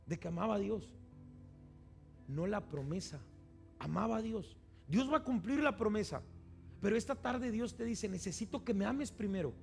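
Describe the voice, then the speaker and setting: A pastor preaching a sermon, acting out quoted voices with animated delivery. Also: male voice, sits high, moderate pace, vocal fry, pauses often, faint music behind.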